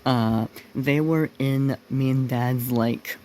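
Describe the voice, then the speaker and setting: A young man telling a personal story in a casual, unscripted way, halting and rambling as he searches for words. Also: mid-range voice, fairly even intonation, a little mellow, slight background noise. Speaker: video creator narrating a personal story.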